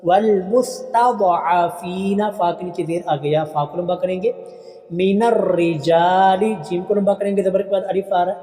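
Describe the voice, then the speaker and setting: A man with a Pakistani Urdu accent teaching Quran recitation, stretching out each phrase slowly before calmly explaining how to pronounce it. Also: sits high, echoey room, long reverb tail. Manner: drawn-out, slowed recitation of each phrase, then calm correction. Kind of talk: slow tajweed lesson, reciting then explaining.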